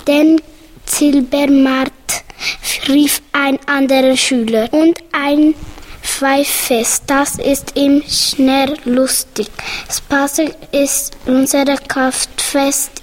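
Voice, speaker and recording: A woman reading a story aloud hesitantly, stumbling over words. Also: sits high. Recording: reverberant room.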